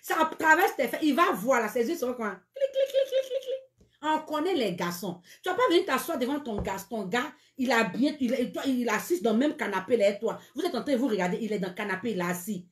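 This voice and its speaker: A woman's voice: fairly high pitch, expressive, quick pace, few pauses, echoey room. A woman hosting a live-stream dating advice show, speaking frankly and teasingly, and repeating her catchphrases.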